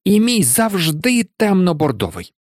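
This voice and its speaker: A man voicing an eager, excitable young boy who squeals when thrilled. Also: sits high, measured pace, dry recording, clean studio sound, voice pushed up, full character voice. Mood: embarrassed.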